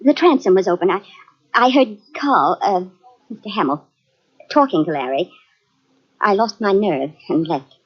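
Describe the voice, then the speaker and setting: Heard on a dull, lo-fi old radio recording, an actress voices a wealthy widow under suspicion in a 1940s drama, tense and defensive, her speech halting. She has a husky mid-range voice with lively intonation.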